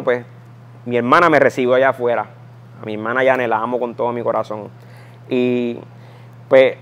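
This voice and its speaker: A man in his thirties with a Puerto Rican Spanish accent, telling his personal conversion story in an emphatic, storytelling way. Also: medium pitch. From Puerto Rico. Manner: storytelling, emphatic, acts out voices in quotes. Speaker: guest giving a testimony.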